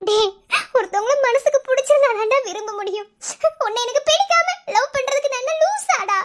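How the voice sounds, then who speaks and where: A desperate young female student, crying and begging her tormentor for mercy, as a woman acts her out. Her voice is very high and breaks with tears. Her pleading never lets up through the drama scene. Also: expressive, a little fast. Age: young adult.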